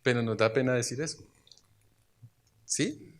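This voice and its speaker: A man preaching a sermon in church, chatting with the congregation, asking rhetorical questions and breaking into loud exclamations. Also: mid-range voice, measured pace.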